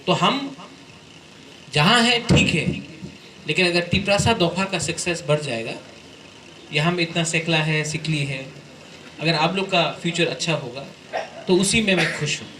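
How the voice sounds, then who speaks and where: High, bright-voiced man giving an impassioned speech. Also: moderate pace, pauses often, slight background noise. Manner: impassioned, exhorting, mixes Hindi with English. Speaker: community leader addressing students. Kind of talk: public speech with Q&A. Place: hall with students. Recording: echoey hall.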